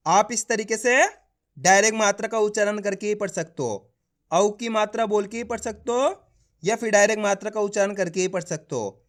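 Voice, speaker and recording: A man teaching an online reading lesson, spelling words out slowly syllable by syllable and often checking that the learner follows. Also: sits high.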